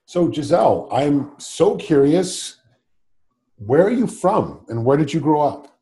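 A man's voice: on the high side, big pitch swings, a little slow, warm tone. A man hosting a podcast, asking friendly, curious questions. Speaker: podcast host. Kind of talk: interview host.

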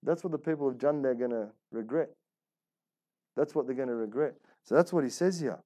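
A man with a medium-pitched, dark voice speaks a little fast as an Islamic teacher leading a religious class. His conversational sermon is colloquial, full of rhetorical questions, repetition and Arabic religious phrases, and he role-plays inner voices.

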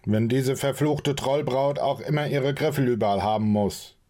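A man voicing a gruff, blustering male warrior who carries an axe, in an audiobook reading. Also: medium pitch, moderate pace, voice pushed up, lightly acted. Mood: outraged. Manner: blustering, shouting complaints.

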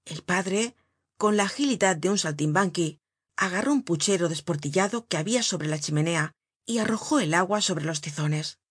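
Low, husky woman narrating a novel. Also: expressive, normal speed, no room sound, clean studio sound. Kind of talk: audiobook narration.

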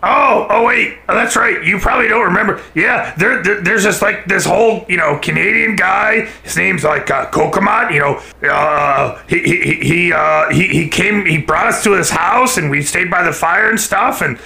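A man playing a tabletop game, excitable and stammering, often bursting into shouts. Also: high voice, normal speed, gravelly, hardly any pauses, reverberant. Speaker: player. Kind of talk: tabletop role-play chat.

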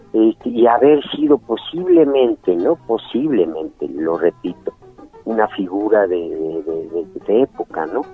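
Man, slow and candid, tinny phone-like sound, faint music. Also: mid-range voice. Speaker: interview guest. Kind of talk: candid casual chat.

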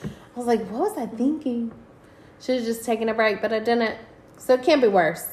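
A woman's voice: fairly high pitch, steady tone, brisk, a little mellow, slight background noise. A woman hosting a podcast in casual chat, rambling and laughing often. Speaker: podcast host. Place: room at a friend's house. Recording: echoey room.

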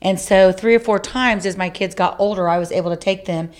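A woman's voice: mid-range voice, brisk. A middle-aged woman co-hosting a podcast, chatting casually and heartfelt, rambling with many fillers. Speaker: podcast co-host. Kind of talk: casual chat.

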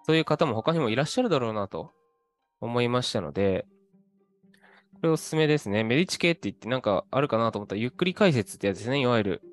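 A man hosting his own video, talking casually with lots of fillers about what he has been reading. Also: mid-range voice. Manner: relaxed, chatty, with many fillers and asides. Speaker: host.

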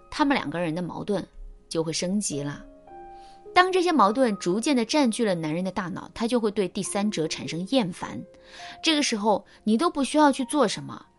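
Woman reading relationship advice, lively up-and-down voice, faint music under it. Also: mid-range voice. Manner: lively, persuasive delivery. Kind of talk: scripted advice narration. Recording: soft music behind.

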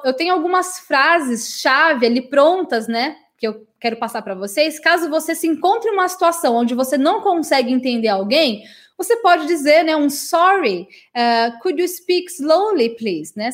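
A woman's voice: sits high, lively intonation, a little fast. A Brazilian woman teaching English in a live lesson, chatting with viewers and tagging her sentences with friendly questions. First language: Portuguese. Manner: chatty and warm with her audience, many "né?" tags.

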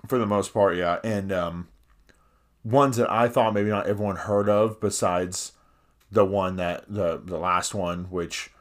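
A man's voice: sits low, fairly even intonation, a little slow. A man co-hosting a podcast in casual banter, talking with half his face numb from the dentist. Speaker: podcast co-host.

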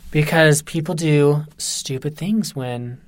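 A man's voice: a little high, slow pace, no room sound. A man co-hosting a podcast, talking earnestly and giving firm, emphatic advice in casual chat. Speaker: podcast co-host.

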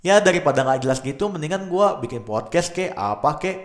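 A man's voice: a little high, lively intonation, a little fast. A man in his late teens with a Jakarta accent and a lisp on R and S, talking casually and informally as a solo podcast host. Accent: Jakarta Indonesian. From Jakarta, Indonesia. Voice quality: lisp, slurred R and S sounds. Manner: informal, slangy, self-deprecating. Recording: echoey room.

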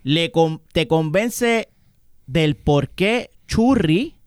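Puerto Rican male podcast co-host, joking and cursing, with a smooth, resonant voice. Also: on the high side, animated, very slow, no room sound, clean studio sound. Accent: Puerto Rican Spanish. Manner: joking, swears, laughs a lot. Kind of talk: casual banter.

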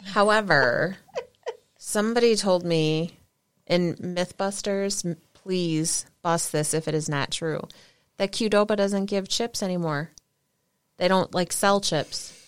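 A woman's voice: lowish voice, slow pace, smooth. A woman co-hosting a podcast, teasing and blunt in casual chat.

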